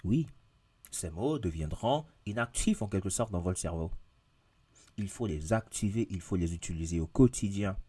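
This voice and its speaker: Casual video teacher, male; deep and warm, drives each point home by repeating it. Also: lively intonation, moderate pace, slightly rough. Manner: repetitive, emphatic, addresses viewers directly. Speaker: English teacher.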